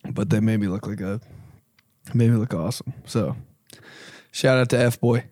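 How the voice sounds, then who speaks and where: A man's voice: fairly low pitch, moderate pace, darkish tone, no echo, studio quality. A young man hosting a podcast, answering listener questions in a laid-back, rambling, profane way. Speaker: podcast host. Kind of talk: casual podcast chat.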